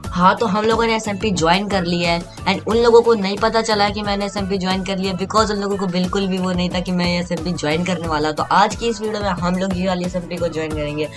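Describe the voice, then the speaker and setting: A young man giving excited gameplay commentary as a gaming YouTuber, repeating words in a rush. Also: high voice, fairly quick, few pauses. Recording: background music under voice.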